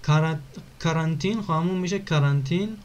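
A man teaching an online language lesson, repeating words slowly and clearly for pronunciation. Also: on the high side.

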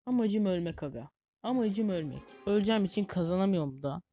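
A woman giving live gameplay commentary as a gaming YouTuber, excitable and easily frustrated, chatting to viewers like friends. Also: mid-range voice, brisk, phone-quality sound, soft background music.

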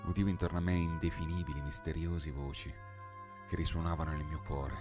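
A man's voice: rumbling low, fairly even intonation, fast. A man narrating a 19th-century tale as an audiobook, in an impassioned, dramatic reading that swells in the dialogue. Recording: studio narration over singing bowl music.

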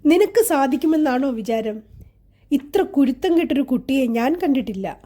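A woman's voice: high voice, lively intonation, normal speed, warm tone. A woman voicing an impatient, scolding young teacher in an audiobook story. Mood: irritated.

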